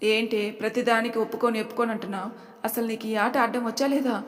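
A woman's voice: a little high, steady tone, fast talker, long reverb tail, close to an everyday voice. A woman voicing a boastful, competitive young father who teases his wife.

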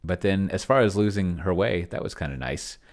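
Speaking quickly in a low-pitched voice, this middle-aged man rambles and hesitates through an off-the-cuff, casual review while thinking aloud. He hosts solo role-playing videos and sits in a small indoor home office, close to a large desk mic.

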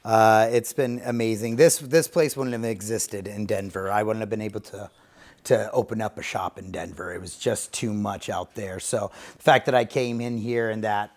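A low-leaning, steady voice at a moderate pace belongs to a barbershop owner in his thirties. He's cutting hair in the shop's basement while giving an informal interview, talking earnestly and with gratitude and filling gaps with many fillers.

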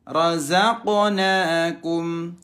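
A man's voice: a little high, steady tone, extremely slow, fairly bright tone. An Indonesian man teaching Quran reading, chanting Arabic examples with over-enunciated, stretched syllables. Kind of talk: instructional lesson with chanted Arabic recitation examples.

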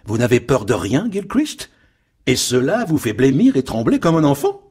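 A man voicing a grim, brooding sea captain who speaks low and grumbling. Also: expressive, unhurried, a little mellow, breathy edge. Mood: scornful.

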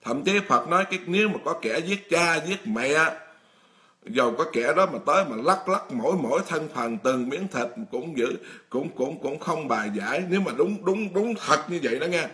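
A man's voice: a little high, expressive, normal speed, pushed and bright. A middle-aged man, a monk giving a blunt, emphatic sermon straight to his congregation. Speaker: Buddhist monk preaching. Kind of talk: dharma talk sermon.

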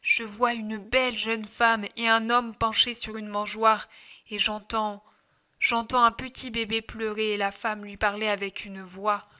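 A woman reading the lines of a timid young shepherd boy describing what he sees in hushed wonder. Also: high-pitched, flat delivery, measured pace, smooth, exaggerated voice. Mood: awed. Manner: hushed, awed.

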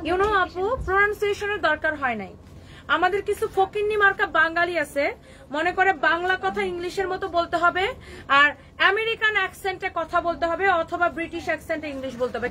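A woman's voice: extremely high pitch, pushed and bright, a little hiss or hum. Defiant woman with a Kishoreganj accent. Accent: Kishoreganj Bengali. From Bangladesh. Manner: scolding, defiant, mixes English words into Bengali. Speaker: clothing shop owner hosting a live stream. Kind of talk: live stream reply to viewer comments.

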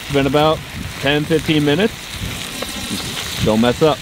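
At night on an island campsite, a young vlog host cooks outdoors with a friend, trading relaxed, upbeat banter. His voice is fairly high and his pace measured. Background noise is clearly audible in this outdoor recording.

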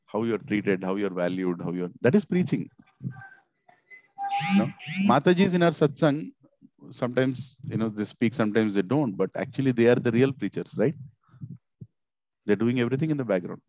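A middle-aged man with a South Indian accent giving an informal devotional sermon, animated and repetitive, asking rhetorical questions into a headset mic. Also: medium pitch, normal speed, long pauses, dry recording. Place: small indoor office. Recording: slightly dull, lo-fi headset audio.

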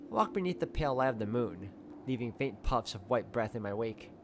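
A man's voice: mid-range voice, animated, fairly quick, background noise. A man reading first-person story narration aloud from a visual novel. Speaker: reader of a visual novel playthrough.

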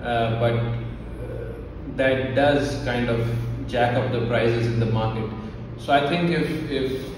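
A man with an Indian accent delivers informal market commentary in a level, little-varying voice. He is halting, often repeating a phrase as he works out his point. He sounds distant from the microphone in a strongly reverberant office, with clear background noise. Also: medium pitch, steady tone. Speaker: real estate agent presenting a market update. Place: small office indoors. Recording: very echoey room, distant mic, background noise.

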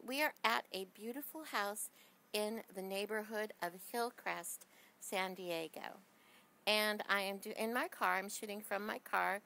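A woman's voice: medium pitch, sharp tone. A woman vlogger narrating casually from her car, chatty and enthusiastic.

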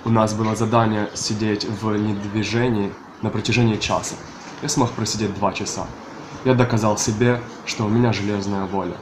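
A man in his twenties from Ukraine giving a calm, measured testimonial to camera outdoors. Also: lowish voice. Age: 20s. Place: outdoors by a building's glass doors. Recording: outdoor recording with clear ambient noise.

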